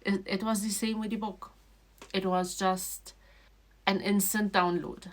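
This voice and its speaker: Lady vlogging about her book, stops and restarts a lot, goes quiet and low. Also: little pitch movement. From Trinidad and Tobago. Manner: halting, repeats and restarts phrases, voice dropping soft and low. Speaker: children's book author and illustrator. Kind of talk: casual emotional vlog talk.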